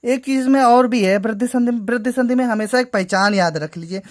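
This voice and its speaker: A woman's voice: fairly high pitch, fairly quick. A woman teaching a grammar lesson to school students, patiently going through each step and repeating "ठीक है".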